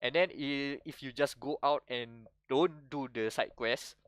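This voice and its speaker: A young man speaks with a Malaysian English accent, in the middle of his range. He rambles at length in a loose, animated way, with frequent restarts. The recording is close and dry, with no room sound. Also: mid-range voice, unhurried, clean tone, no echo. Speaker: podcast co-host. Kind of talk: casual chat.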